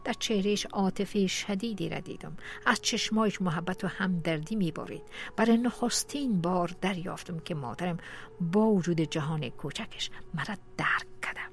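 Woman narrating a story. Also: lowish voice. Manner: steady, expressive reading.

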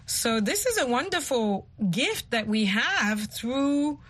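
Slow-paced woman hosting an English lesson. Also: a little high, big pitch swings, a bit bright. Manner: explains with simple spoken examples. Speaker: host of an English lesson show. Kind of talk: conversational teaching.

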